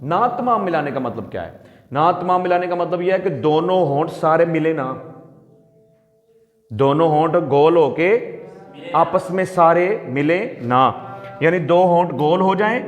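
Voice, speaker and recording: A man with a fairly high voice teaches recitation, repeating each point and asking his students questions. He draws sounds out slowly to show how they are made. His voice rings around a roomy space with a long, hanging reverb. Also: lively intonation, faint music behind. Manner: stretches out sounds slowly to demonstrate them. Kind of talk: teaching lesson. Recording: echoey room with long reverb.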